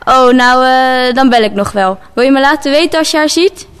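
A woman's voice: high-pitched, moderate pace, a bit bright, clean tone, long reverb tail, voice pushed up. A woman voicing a flustered middle-aged mother who speaks hesitantly and hurriedly. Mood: anxious.

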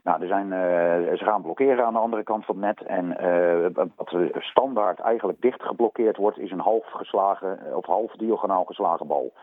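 A man speaking as a sports coach in an unscripted interview, colloquial and halting, often repeating words as he explains. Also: sits low, no room sound, phone-quality sound. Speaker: volleyball coach. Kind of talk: radio interview, unscripted analysis.

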